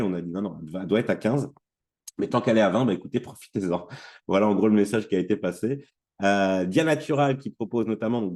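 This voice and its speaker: A man with a low, mellow voice leads an online training session. His throat is sore. He talks casually, stopping often with fillers and restarts. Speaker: trainer presenting an affiliate platform.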